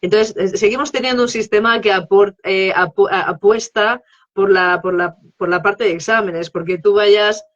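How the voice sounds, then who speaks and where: A woman's voice: medium pitch, fairly even intonation, normal speed, muffled recording. Woman explaining with frequent check-ins. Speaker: guest, English teaching expert. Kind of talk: live interview explanation.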